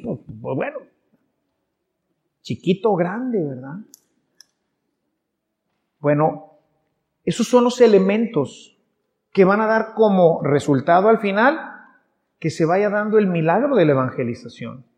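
A man's voice: high-pitched, sing-song, a little slow, pauses often, a little mellow. A man with a Mexican accent preaching a sermon in a casual, conversational way, acting out little everyday scenes. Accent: Mexican Spanish. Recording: dull sound with long hall reverb.

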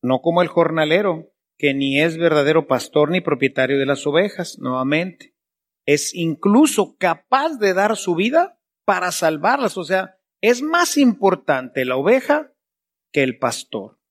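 Male priest, sermon, rhetorical questions, slightly high voice. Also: big pitch swings, a little slow.

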